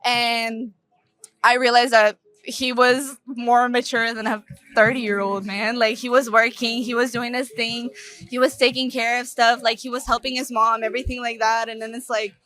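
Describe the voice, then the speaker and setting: A woman's voice: a little high, level tone, moderate pace, a bit bright. A young woman from Russia chatting casually outdoors in a park, saying "like" a lot and often laughing. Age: young adult. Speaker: interviewee. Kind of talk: casual chat.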